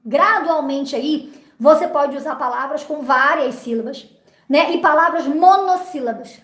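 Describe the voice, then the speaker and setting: A middle-aged woman, a literacy teacher, explains classroom phonics games in a patient, didactic way, often pausing with little checking words. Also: sits high, a bit bright, roomy sound. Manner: didactic, frequent "né?" and "então" fillers.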